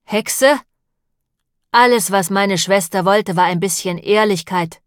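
A woman's voice: medium pitch, steady tone, normal speed, dry recording, clean studio sound, close to an everyday voice. A woman reading the lines of a grim, cold-tempered butcher in an audiobook, speaking level and matter-of-fact. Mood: cold anger. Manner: level and matter-of-fact, turning quiet and menacing.

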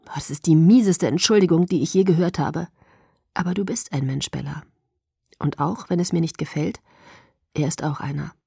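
A woman reading an audiobook, voicing a calm, tender young male vampire lover in a soft, low, gentle voice. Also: moderate pace, gravelly, slightly rough, no echo, clean studio sound, full character voice.

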